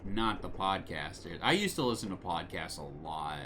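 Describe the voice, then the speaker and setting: A man giving loose, rambling commentary while he plays a game, his voice sitting a little low and cursing freely. Game music plays clearly behind him. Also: very animated, normal speed. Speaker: streamer. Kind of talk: casual gameplay commentary.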